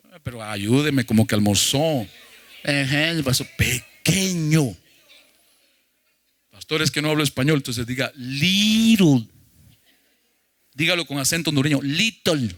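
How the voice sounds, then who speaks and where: Forceful, higher-pitched male pastor preaching. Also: no room sound. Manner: emphatic preaching with questions to the congregation. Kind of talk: sermon.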